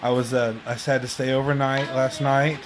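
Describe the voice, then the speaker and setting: A man giving a casual personal update at home in a halting, rambling way, like a video blogger. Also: medium pitch, little pitch movement, noisy background.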